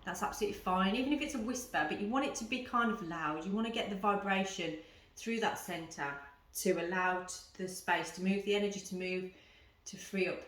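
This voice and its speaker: A woman leads a yoga and breathwork class in a bright, forward voice. She instructs step by step in an informal way. The room is echoey and she sounds a little way from the microphone. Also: lowish voice. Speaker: yoga teacher. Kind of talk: guided yoga and breathing lesson, explaining and instructing. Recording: roomy echo, voice at some distance.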